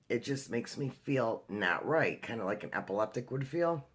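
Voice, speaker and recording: A man's voice: medium pitch, a bit bright, husky. A man talking in a casual video diary, telling a personal story in a chatty way with lots of fillers and restarts. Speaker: vlogger.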